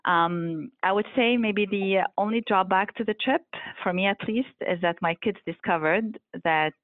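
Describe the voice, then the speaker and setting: A woman in her forties from Lebanon, a guest in an interview, who answers in a measured way with frequent ums and uhs. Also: medium pitch, no echo. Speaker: airline revenue management guest. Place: Montreal office. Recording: tinny phone-like line, dry.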